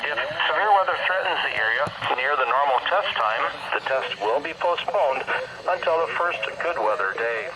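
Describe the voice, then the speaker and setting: Man, weather radio announcement, formal, measured, over a radio receiver, loud static hiss. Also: fairly high pitch, animated. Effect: heard over a weather radio receiver. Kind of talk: scripted public announcement.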